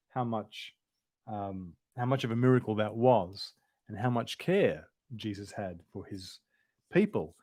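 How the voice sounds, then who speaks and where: A man's voice: on the low side, no echo. A man presenting a Bible study lesson in an informal, explanatory way, thinking aloud as he goes. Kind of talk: conversational Bible study teaching.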